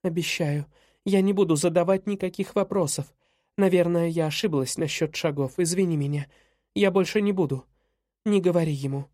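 A man's voice: on the high side, moderate pace, darkish tone, dry recording, studio quality, close to an everyday voice. A man voicing a frightened, battered young mother who begs breathlessly in an audiobook. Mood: pleading. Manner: begging, breathless.

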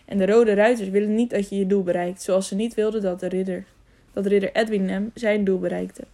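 A woman's voice: medium pitch, steady tone, warm tone, close to an everyday voice. Woman reading as a grave older knight. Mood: earnest. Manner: earnest, measured, apologetic. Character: serious older male knight, grave and earnest. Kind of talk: audiobook character voice.

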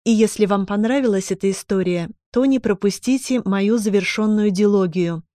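Mellow woman narrating an audiobook. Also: medium pitch, moderate pace, no room sound, clean studio sound. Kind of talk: first-person audiobook narration.

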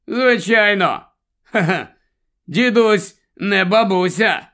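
A loud, brash fellow with a jovial bark, pitched high and pushed hard as he calls out orders, put on by a man reading the story. He sounds hearty and overbearing, never quiet. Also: slow pace, full character voice. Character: loud, overly hearty grown man pushing a car.

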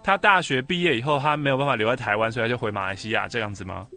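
A man's voice: mid-range voice, very fast, sharp tone. A man with a Taiwanese Mandarin accent hosting a casual radio call-in chat. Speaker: radio host. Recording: music bed behind the voice.

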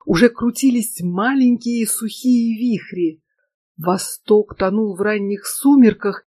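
A woman narrating an audiobook in a measured, steady way. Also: mid-range voice, no echo. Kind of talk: scripted narration.

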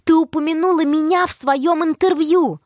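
A woman voicing an excitable teenage girl who gushes breathlessly. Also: mid-range voice, normal speed, no room sound, studio quality, close to an everyday voice. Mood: ecstatic gushing. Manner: squealing, breathless gush.

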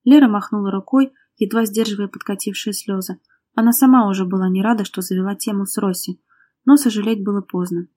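A woman's voice: mid-range voice, steady tone, a little fast, dark tone. A woman reading an audiobook, narrating a tense domestic drama in a dramatic storytelling manner. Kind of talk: scripted narration.

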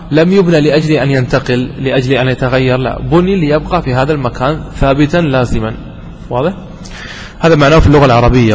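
A man's voice: mid-range voice, in a large hall, a little hiss or hum, low-quality recording. A man giving a classroom grammar lesson who keeps asking his listeners questions, answers them himself and repeats each definition. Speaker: grammar teacher.

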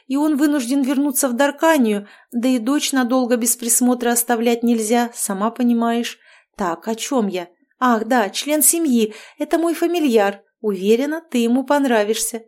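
A bubbly, steamrolling witch mother-in-law from an audiobook fantasy romance, put on by a woman reading it. She chatters high and bright, effusive and never pausing for others to answer. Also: close to an everyday voice. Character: gushing, overbearing middle-aged witch mother-in-law.

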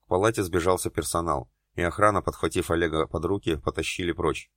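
A man narrates an audiobook with steady, dramatic storytelling. His voice sits very low. The recording is dry and close, with no room around it. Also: fast talker, no echo. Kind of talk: scripted narration.

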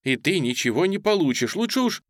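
A man's voice: sits high, sing-song, fairly quick, no echo, voice pushed up. Man voicing a teenage girl, bossy, scolding, storybook reading, dry sound. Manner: scolding, commanding.

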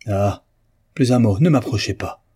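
An anguished, honorable husband pours out love and wounded pride, as a man reads him in an audiobook. The voice sits low and husky, with a dark, mellow tone. It turns stern and commanding when his honor is hurt. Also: steady tone, normal speed. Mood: indignant, stern. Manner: impassioned, pleading then commanding. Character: proud honest bourgeois husband, anguished and loving. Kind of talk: audiobook reading of a novel.

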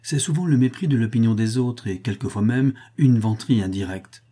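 A proud young gentleman, cool and measured , read by a man. The tone is mellow and dark with a husky edge. He speaks in short, reserved phrases in an audiobook. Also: medium pitch, close to an everyday voice.

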